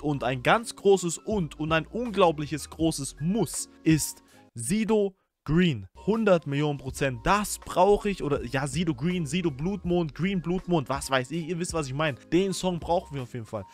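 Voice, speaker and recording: A man's voice: on the high side, expressive, unhurried, soft background music. A young man streaming a reaction, chatting casually to his viewers in loose, slangy banter.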